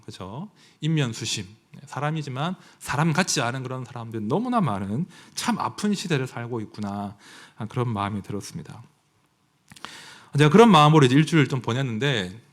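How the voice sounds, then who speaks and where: A man preaching a sermon as pastor, emotional and conversational, dropping to hushed asides and rising to outcries, reading scripture aloud in a louder formal voice. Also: mid-range voice. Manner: conversational, asks the congregation for agreement.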